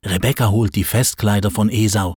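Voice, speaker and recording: A man calmly narrating a Bible story. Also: fairly low pitch, normal speed, breathy edge, no room sound, studio quality.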